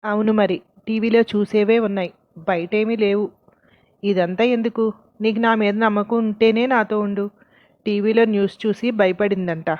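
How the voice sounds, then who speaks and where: An irritated, defensive young man in a story reading, as a woman narrator voices him. He argues impatiently in an even, middle-pitched voice, and the lo-fi recording sounds dull. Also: moderate pace, natural voice. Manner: argumentative, impatient.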